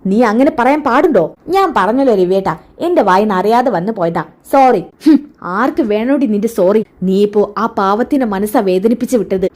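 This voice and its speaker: A woman retelling a TV serial episode in a lively way, switching quickly between all the characters' lines. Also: medium pitch. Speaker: serial recap narrator.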